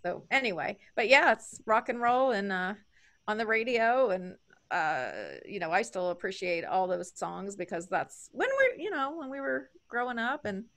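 A woman's voice: medium pitch, animated, normal speed, a bit bright. A woman hosting an interview in a casual, chatty way, laughing easily. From lives in Wyoming. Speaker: interview host.

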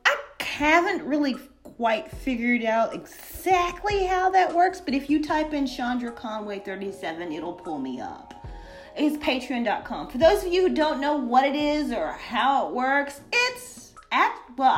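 A woman chats into her phone camera, telling a story about her childhood. Her pitch swings widely, and she breaks into high squeals when she quotes people. She talks at a slow, easy pace over faint background music. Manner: animated, jumps into high squealy voices for quoted people, laughs often. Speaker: vlogger.

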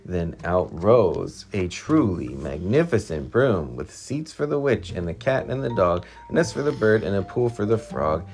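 A woman reading a rhyming picture book aloud to a child at home, with lively storytelling. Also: a bass voice, normal speed, few pauses, a little hiss or hum. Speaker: reader to a child. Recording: music playing behind.

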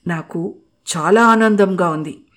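A woman voicing a gentle, poetic young man who speaks softly, slowly and dreamily. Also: on the low side. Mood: tender. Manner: soft, slow, dreamy speech.

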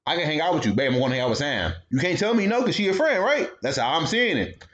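A young man hosts a casual podcast monologue, full of slang and acted-out voices. His pitch swings widely as he talks, and the recording comes across muffled and lo-fi. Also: fast talker. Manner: animated storytelling, slangy, acts out quoted voices. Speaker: podcast host.

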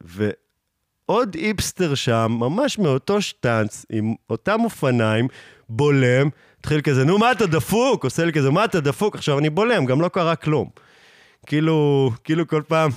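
Young male podcast host, casual storyteller, mid-range voice, dry close sound, jumps up in pitch when quoting people. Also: no room sound. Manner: animated, acts out quoted lines in raised voice, laughs often.

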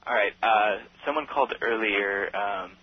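Husky man arguing over the phone. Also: fairly low pitch, normal speed. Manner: argumentative, pushing his point. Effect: voice heard over the phone line. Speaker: radio call-in caller. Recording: dull lo-fi phone audio.

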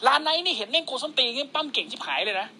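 A man's voice: very high-pitched, very fast. A man co-hosting a wrestling podcast, telling stories crudely with plenty of swearing. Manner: crude, swearing, animated storyteller. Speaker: podcast co-host. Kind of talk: casual wrestling chat.

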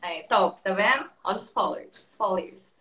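A young adult woman with a Brazilian accent, a guest telling a lively story in casual chat, often laughing and acting out what people said. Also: medium pitch, a little slow. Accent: Brazilian Portuguese. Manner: lively, laughs often, acts out quoted dialogue. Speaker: interview guest.

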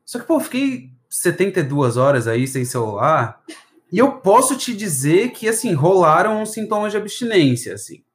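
This podcast guest, a man from Florianópolis with a light southern Brazilian accent, chats in a loose, slang-filled, meandering way. He speaks at a normal speed in a high, sing-song voice.

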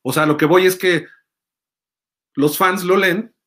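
A middle-aged sports journalist with a Mexican accent talks through a story in an easy, rambling way, full of fillers and asides. His voice sits a little high for a man. It is a casual, conversational monologue. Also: fairly even intonation, takes it slowly, a bit bright. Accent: Mexican Spanish. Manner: chatty storytelling with many fillers.

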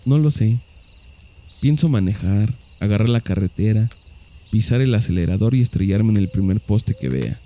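A man's voice: on the low side, lively intonation, moderate pace, warm tone. A man voicing a tormented husband in a spoken story, delivering clipped, bitter outbursts. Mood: grim. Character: tormented husband, angry and despairing.

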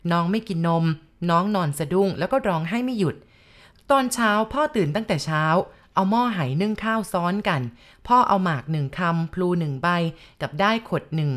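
A woman giving a calm, measured scripted narration of a ghost story. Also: fairly low pitch.

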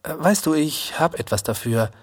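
A man reading a storybook voices a kind, helpful young boy cadet who talks to a friend in a gentle, coaxing way. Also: on the high side, expressive, measured pace, husky, pitched above the performer's own voice. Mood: kindly.

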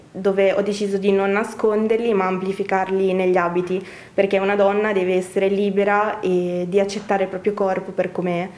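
A woman's voice: medium pitch, a little mellow. A woman of twenty-one, explaining her work as an interview guest, slightly muffled by a face mask. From Brescia, northern Italy. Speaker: interview guest, young fashion designer. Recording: roomy, echoing indoor sound.

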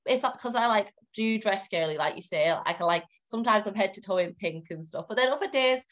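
A woman's voice: mid-range voice, expressive, brisk. A woman in her twenties with a Cumbrian accent, chatting casually and informally as an interview guest. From Cumbria, northwest England. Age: 20s. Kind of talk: casual chat.

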